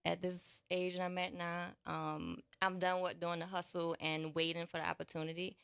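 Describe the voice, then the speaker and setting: Gravelly bright-voiced New woman. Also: fairly low pitch, level tone, moderate pace, dry recording, clean studio sound. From New Orleans. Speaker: guest, actress and host. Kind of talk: casual radio interview.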